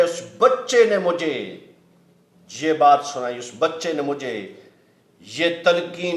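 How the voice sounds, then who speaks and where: A man with a slightly high voice speaks in an earnest, emphatic, preachy way, telling a moral story. He swears oaths to stress that his story is true. The room around him is echoey.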